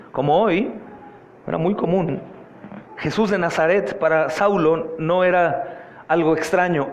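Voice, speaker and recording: A man's voice: a little high, a little hiss or hum. A man pastor preaching an expository sermon, pressing the congregation with repeated rhetorical questions and calling them brothers.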